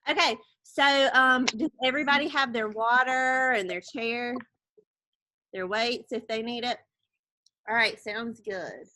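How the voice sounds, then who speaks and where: A woman's voice: fairly high pitch, measured pace, bright, forceful tone, low-quality recording. A woman leading an aerobics class as the instructor, counting and cueing moves in an upbeat, encouraging way. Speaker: group fitness instructor.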